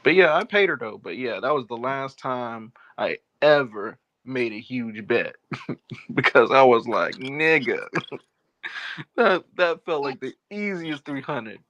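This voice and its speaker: A man's voice: mid-range voice, measured pace, no room sound, dull audio. A man telling a sports bet story with slang and laughter in casual chat. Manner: animated storytelling, slangy, laughs while talking. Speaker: podcast host.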